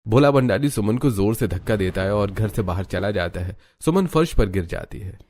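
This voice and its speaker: A man narrating a cartoon family story in an even, low storytelling tone. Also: moderate pace. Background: faint music.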